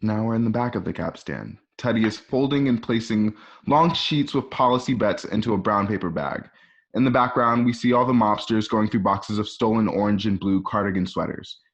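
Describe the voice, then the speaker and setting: This radio play narrator, a man with a fairly low voice, delivers scripted stage directions that place every scene in the present tense. His pace is normal, and the recording sounds muffled.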